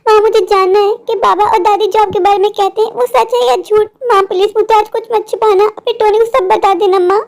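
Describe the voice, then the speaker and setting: A woman's voice: extremely high pitch, fairly even intonation, fairly quick, gravelly, hardly any pauses. A woman voicing a determined little girl who earnestly searches for her mother and keeps talking to herself, in a cartoon story. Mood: pleading. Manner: earnest, pleading, talks to herself.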